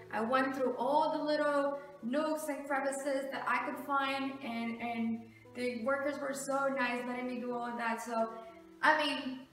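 A middle-aged woman with a high, fairly bright voice chats casually to the camera while showing viewers around her house, in the chatty, demonstrative style of a home renovation vlog. She's in the hallway and stair landing of a large two-storey house. A camera mic a few metres away picks her up, so the sound is very echoey in the big open hallway.

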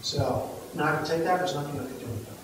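A man working in a government office, answering in a halting, defensive way with many restarts. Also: on the high side. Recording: echoey, distant, noisy room.

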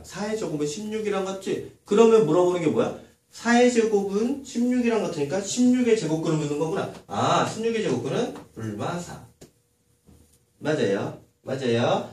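Male math teacher, animated classroom delivery with constant rhetorical questions; distant mic, room echo. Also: a little high. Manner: lively, asks many rhetorical questions. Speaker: middle school math teacher. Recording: echoey room, far from mic, faint noise.

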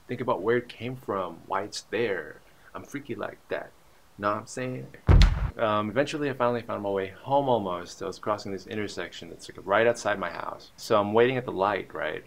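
A man's voice: on the low side, vocal fry, fairly bright tone. A young man casually telling a story to his vlog camera, rambling and musing with many asides and fillers. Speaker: vlogger.

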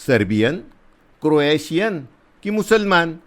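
A man doing a gruff blustering soldier. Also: a little high, sing-song, slow pace, voice pushed up. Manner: loud, scolding, teasing. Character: big gruff soldier, blustering but kind.

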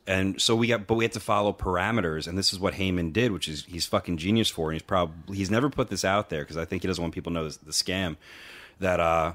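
A man's voice: deep voice, a bit bright. A man co-hosting a podcast, chatting in a laid-back way full of fillers. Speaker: podcast co-host. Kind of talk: casual podcast chat.

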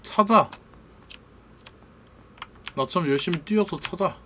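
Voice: mid-range voice, measured pace, pushed and bright, slight background noise. A gamer giving casual, insistent commentary to a friend during play, bossing them around and swearing freely. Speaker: gaming video creator playing a battle royale game.

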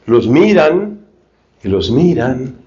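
A male preacher giving a sermon, telling stories lively and acting out short dialogues. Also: mid-range voice, slow pace. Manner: lively storytelling, acts out dialogues. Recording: roomy, slightly dull recording.

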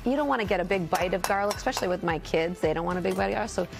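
A woman's voice: fairly low pitch, creaky, over music. Chatty middle-aged woman TV host. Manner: upbeat, chatty, quick affirmations. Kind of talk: TV lifestyle segment chat. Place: TV studio kitchen set.

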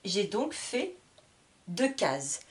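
Slow, deliberate woman teaching reading. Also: mid-range voice, sing-song. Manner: spells out words syllable by syllable, repeats each word. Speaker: French teacher. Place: classroom with whiteboard.

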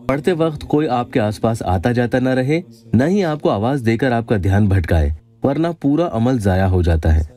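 Low, mellow-voiced man narrating religious instruction. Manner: calm, measured instruction with slow Arabic recitation. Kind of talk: scripted voice-over narration. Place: voice-over studio.

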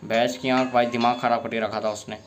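Excitable young man commentating gameplay. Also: medium pitch, fast talker, noisy background. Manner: excitable, frequent exasperated outbursts. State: sore throat. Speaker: gameplay streamer.

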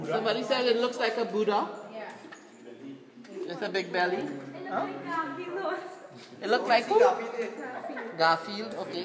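A tour guide leading a group through a cave, giving instructions and repeating directions, recorded from a visitor's camera. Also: medium pitch. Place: inside a dark cave. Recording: echoey cave from far off.

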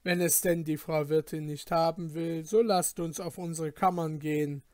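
A man's voice: a little high, steady tone, moderate pace, a little mellow, dry recording, natural voice. Man playing a young student, composed, slightly raised voice, dry recording, storybook. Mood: coaxing. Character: young male student, calm and clever.

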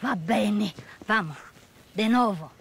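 A woman's voice: medium pitch, slow pace, gravelly, a little hiss or hum. A woman playing Fiorella, a chatty clown cook in a nonna costume, hosting a comic farm interview outdoors. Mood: bubbly. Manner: bubbly, rambling, sing-song questions. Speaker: show host in character.

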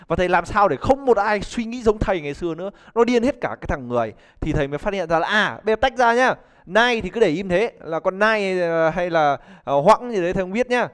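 A man's voice: high-pitched, fairly bright tone, clear, resonant tone. A man, teaching a live online pronunciation class in a chatty, joking way and calling on students to answer. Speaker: English teacher.

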